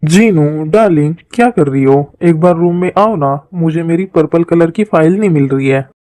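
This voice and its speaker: A woman doing a deep-voiced pleading husband. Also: moderate pace, dark tone, no room sound, lightly acted. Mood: coaxing. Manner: pleading, coaxing. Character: adult man, husband calling his wife. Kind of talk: Hindi fan-dub drama.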